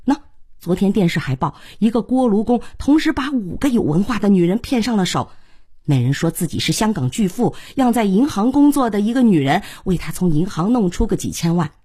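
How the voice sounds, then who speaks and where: A woman reading the part of a stern middle-aged mother who lectures her daughter at length in a slightly husky, lively voice. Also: mid-range voice, brisk, voice pushed up. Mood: scornful. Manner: lecturing, sharp, talks on and on. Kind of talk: audiobook character reading.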